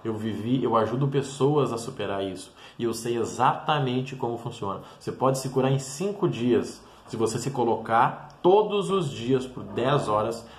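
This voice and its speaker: A man's voice: medium pitch, expressive, normal speed, hardly any pauses. A man talking bluntly and emphatically straight to the viewer in a motivational monologue. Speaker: mentor and vlogger. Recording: roomy echoey room.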